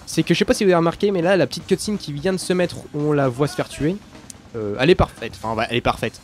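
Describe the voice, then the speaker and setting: A young man talks over his gameplay in a slightly high voice, stumbling through his words with many hesitations. Faint game music plays under his commentary. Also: quick pace. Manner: rambling, loses his thread, many fillers. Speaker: let's play commentator. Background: game sounds and music.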